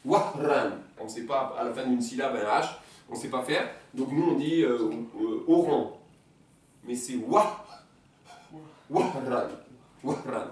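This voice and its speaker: A teacher giving a beginner's language lesson in a classroom, patiently repeating words slowly and checking that students follow. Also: medium pitch. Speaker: Arabic teacher. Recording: roomy sound from a distant mic.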